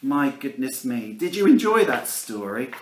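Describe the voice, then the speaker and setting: Unhurried and full of big pitch swings, a man in his forties with a medium-pitched voice performs a picture book for children in a living room. He's a primary school teacher, reading playfully and talking straight to the kids, captured on a roomy home camera recording.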